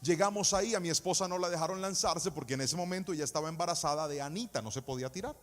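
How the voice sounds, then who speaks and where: A man preaching a sermon, moving from storytelling to sung, shouted exhortation. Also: on the high side, very fast. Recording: long hall reverb.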